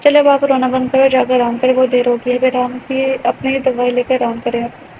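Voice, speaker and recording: A woman reading a calm, consoling older mother. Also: sits high, phone-quality sound, slight background noise, close to an everyday voice. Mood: soothing. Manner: soothing, motherly reassurance.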